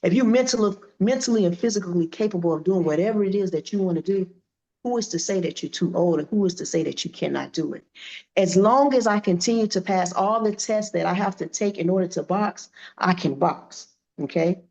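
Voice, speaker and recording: Woman, 50s, boxer interviewee; lively storyteller who acts out dialogue; mid pitch, muffled lo-fi audio. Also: a little fast. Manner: animated, acts out quoted dialogue.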